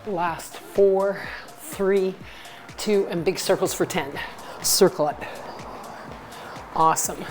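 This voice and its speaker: Female fitness coach, lower register, slow measured delivery, encouraging short cues and countdowns, music underneath. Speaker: fitness instructor. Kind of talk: instructing an exercise class, counting down reps. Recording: music behind the voice.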